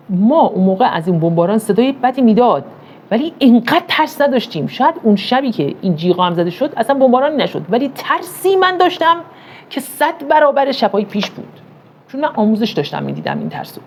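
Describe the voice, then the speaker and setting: A woman's voice: fairly low pitch, a little mellow, a little hiss or hum. A middle-aged woman from Iran giving a motivational talk on parenting, asking rhetorical questions and telling stories with emphasis.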